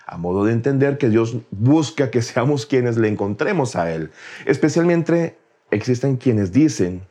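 A man giving a calm, measured explanatory talk on faith, speaking reflectively and addressing the listener directly. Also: mid-range voice.

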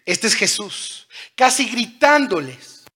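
Bright, high-pitched man preaching. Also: very animated, slow pace, breathy edge. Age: 30s. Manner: dramatic swings between loud calls and hushed lines; asks the congregation questions. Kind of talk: sermon.

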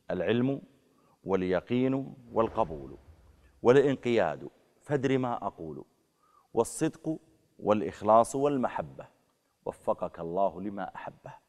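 A man preaching a sermon, rising sharply and forcefully on key phrases. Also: on the low side. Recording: long hall reverb.

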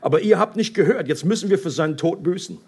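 A man's voice: sits high, lively intonation, fast, a little mellow, breathy edge, exaggerated voice. A man reading the lines of a guilt-ridden, reproachful brother in a grave tone.

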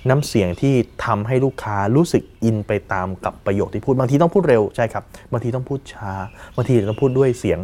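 A male sales coach speaks quickly in a fairly low voice. He addresses the listener head-on, throwing out rhetorical questions as he teaches. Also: a little mellow. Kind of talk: podcast lesson monologue.

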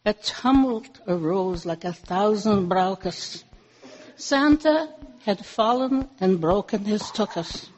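Woman, lay reader, slow comic verse delivery. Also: mid-range voice, poor audio. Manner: playful, lively comic delivery. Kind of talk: reading a comic holiday poem aloud.

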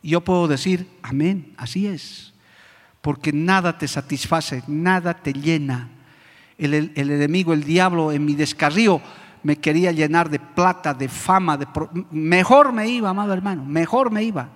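A man preaching a fervent sermon as pastor. He swings from hushed confession to loud exclamations and keeps calling out to the congregation. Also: a little high, normal speed. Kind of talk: impassioned sermon. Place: church service. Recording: long hall reverb.

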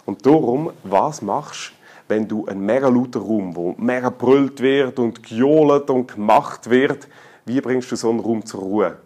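A middle-aged man with a Swiss German accent preaching a sermon in a colloquial, humorous way, swinging between loud calls and hushed, intimate tones. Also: medium pitch, a little slow.

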